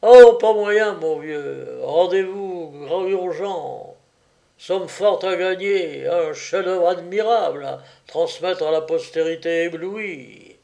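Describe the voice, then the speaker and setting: A man voicing a broke male painter who boasts and talks up his importance in an excited way. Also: on the high side, unhurried, gravelly, voice pushed up. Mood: boastful. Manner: excited and bragging.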